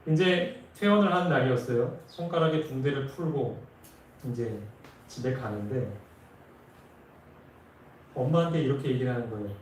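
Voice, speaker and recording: A man's voice: medium pitch, normal speed, pauses often, slight background noise. Male preacher, earnest storyteller, heard from a distance with strong church reverb. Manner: earnest storytelling, rising with emotion at key moments. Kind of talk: sermon storytelling. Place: church sanctuary. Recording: echoey church from far off.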